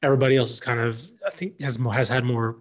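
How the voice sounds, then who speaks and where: A man co-hosting a casual sports podcast, thinking aloud with many pauses and fillers. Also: medium pitch, steady tone.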